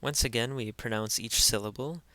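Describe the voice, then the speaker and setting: A man teaching pronunciation in an instructional voice-over, carefully spelling out each sound and repeating every word slowly. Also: medium pitch, bright, forceful tone, no echo. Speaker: language teacher.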